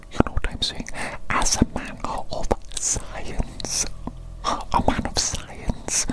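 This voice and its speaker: A woman voicing an eccentric evil male scientist obsessed with precision, in a breathy ASMR whisper with deliberate repeated words. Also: natural voice, low-quality recording.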